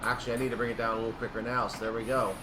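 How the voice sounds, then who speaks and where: A gameplay commentator talks along with a train simulator, slipping into station-announcer style calls. His voice is medium pitched and rapid-fire, with steady noise behind it.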